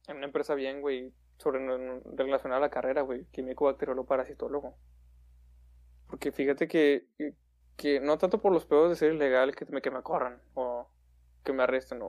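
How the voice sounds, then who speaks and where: A man's voice: mid-range voice, fairly even intonation, brisk, darkish tone. A man hosting a livestream chat, heavy on slang and joking with his audience. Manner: slangy, says "güey" constantly, joking with viewers. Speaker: livestream host. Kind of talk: casual chat.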